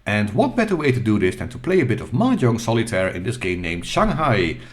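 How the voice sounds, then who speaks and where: Low-voiced middle-aged man, halting and self-deprecating. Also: big pitch swings. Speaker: retro gaming channel host. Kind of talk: casual gameplay voice-over.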